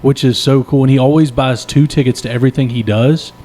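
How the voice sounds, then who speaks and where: A man's voice: medium pitch, fairly even intonation, a little fast, mellow, a little hiss or hum. A man chatting and telling stories casually on a podcast, jokey and full of slang. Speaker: podcast co-host. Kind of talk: casual podcast chat and storytelling.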